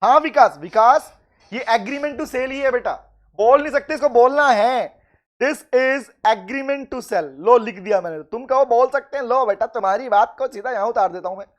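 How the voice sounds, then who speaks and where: A man with an Indian accent teaching law in a live online class, calling students by name, reading questions slowly and then explaining. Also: very high-pitched. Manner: addresses students as "beta", mixes Hindi and English, reads questions aloud slowly.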